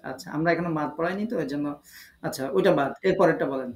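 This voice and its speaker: Recorded in low quality in an echoey room, a man with a slightly high voice and a Bangladeshi Bengali accent talks fast. He is teaching recitation over a video call, patiently quizzing students, encouraging them, and correcting their pronunciation.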